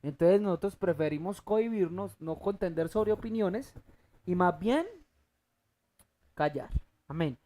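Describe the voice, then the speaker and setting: In this teaching sermon, a dark-toned, mid-pitched preacher leads a Bible class through call-and-response, asking the congregation to fill in answers. His speech is halting, full of restarts and thinking aloud, with key words repeated slowly.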